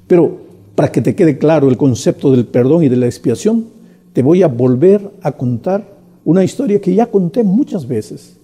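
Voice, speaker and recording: A man's voice: a little high, expressive, normal speed, dark tone, husky. A man preaching a sermon in an earnest, explanatory way, speaking directly to the listener.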